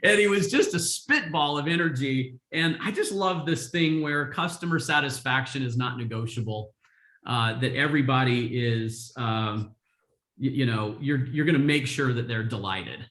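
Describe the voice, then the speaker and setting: A man's voice: mid-range voice, moderate pace, a bit bright, reverberant. A man coaching real estate agents on a video call, telling stories energetically with frequent laughs. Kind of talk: live coaching session.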